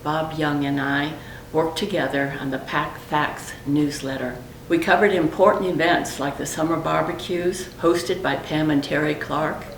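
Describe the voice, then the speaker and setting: Woman floor captain, low and gravelly, far from the mic in a roomy space. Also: steady tone, a little slow. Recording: distant echoey recording with hum.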